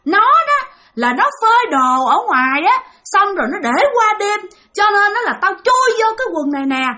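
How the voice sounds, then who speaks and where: Woman putting on a shrill, boastful male ghost. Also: big pitch swings, normal speed, exaggerated voice. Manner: mocking, shouting, cackling.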